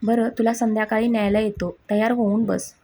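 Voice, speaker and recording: A woman reading the lines of a gentle, caring middle-aged father, in a husky voice. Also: a little high, little pitch movement, fairly quick. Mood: reassuring.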